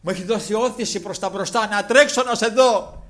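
A man preaching voices a blind beggar who pleads fervently to be healed, his cries climbing higher and louder. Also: close to an everyday voice. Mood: pleading.

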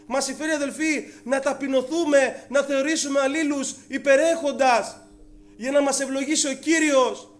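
A man's voice: extremely high pitch, steady tone. A male preacher giving a fervent sermon, addressing the congregation as brothers, with frequent hesitant fillers.

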